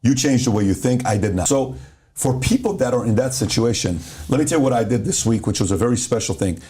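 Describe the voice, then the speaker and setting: Speaking fast in a mid-range voice, this middle-aged man from Iran shares motivational stories on a podcast. He performs the dialogue with animated energy.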